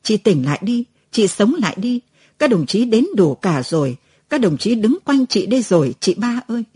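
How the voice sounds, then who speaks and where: A grief-stricken woman comrade, crying and pleading, as a woman reads her in a storybook. Her voice is mellow and breathy, and it swings widely in pitch. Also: sing-song, normal speed. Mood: sobbing.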